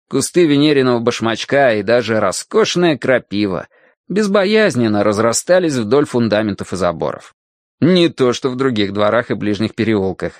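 A man narrating a storybook in an expressive storytelling manner. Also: medium pitch, no room sound, clean studio sound. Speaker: audiobook narrator.

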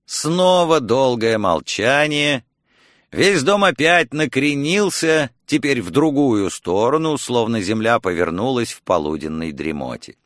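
A man reading a story aloud as narrator, with slow, expressive storytelling. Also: medium pitch, no room sound, clean studio sound. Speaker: audiobook reader. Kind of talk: scripted narration.

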